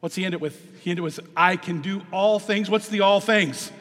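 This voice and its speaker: A male pastor with a high, bright voice preaches animatedly, dropping into near-murmured asides before rising to emphatic, ringing peaks. His voice carries a long reverb, as if filling a large church sanctuary. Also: normal speed. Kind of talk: sermon.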